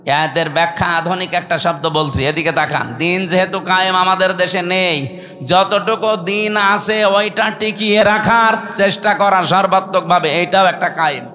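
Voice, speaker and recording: A man's voice: high voice, steady tone, normal speed, pushed and bright. A Bangladeshi man preaching an Islamic sermon over a PA system, exhorting listeners with rhetorical questions and calls for a response. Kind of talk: fiery sermon addressed to a crowd.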